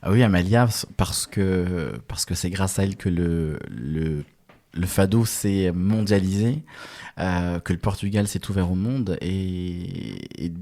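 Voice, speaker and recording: A man's voice: low voice, slow, creaky, warm tone. A man speaking as a guest on a casual podcast, thoughtful and laughing often.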